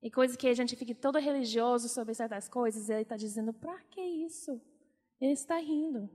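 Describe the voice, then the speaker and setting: A woman's voice: fairly high pitch, fast talker, dark tone. Earnest woman preaching in a hall. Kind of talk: conversational sermon.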